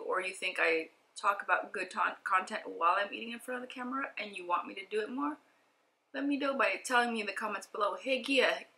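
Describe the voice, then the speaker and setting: A woman's voice: mid-range voice, sharp tone, poor audio. A young woman vlogging while she eats, chatty and self-mocking, laughing often. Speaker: vegan bodybuilder vlogger. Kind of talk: casual eat-with-me chat.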